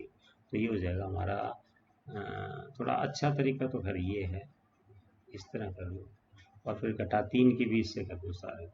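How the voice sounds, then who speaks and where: A man's voice: on the low side, vocal fry, warm tone. A male math teacher explaining equations step by step in a casual classroom style, often checking in with his students. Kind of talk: whiteboard math lesson. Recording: dull lo-fi sound with faint background noise.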